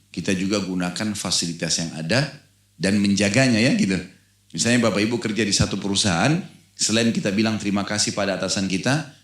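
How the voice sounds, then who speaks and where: Middle-aged male preacher, low voice, lively storytelling sermon, roomy echo. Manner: animated storytelling, acts out a dialogue in the anecdote; asks the audience questions. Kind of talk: Islamic sermon. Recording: echoey room.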